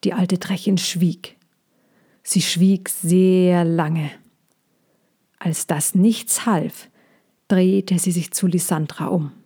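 A woman reading a children's story aloud in a calm, unhurried manner. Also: lowish voice, slightly rough.

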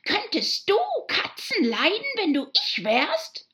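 A woman voicing a small, touchy mouse with a shrill, passionate voice. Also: wildly swooping pitch, slow pace, pushed and bright, exaggerated voice. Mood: indignant.

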